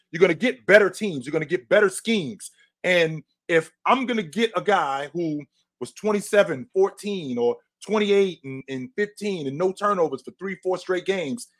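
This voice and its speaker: Emphatic American man with a higher voice. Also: dry recording. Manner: emphatic, repeats points. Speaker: sports talk show panelist. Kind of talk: opinionated sports debate.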